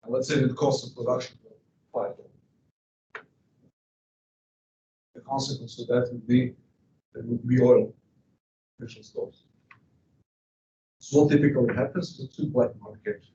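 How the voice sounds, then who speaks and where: Heard through a little hiss or hum, this Serbian man's warm, mid-range voice carries an emphatic economics lecture in which he asks the class rhetorical questions. The recording sounds distant, echoey, and dull, as if captured in a classroom.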